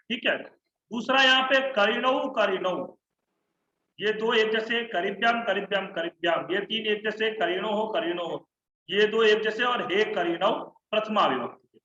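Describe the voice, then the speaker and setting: A man's voice: sits high, bright, forceful tone, roomy sound, dull audio, a little hiss or hum. A man teaching an online Sanskrit class, chanting word forms in rhythmic lists and correcting his students. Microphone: online class call mic.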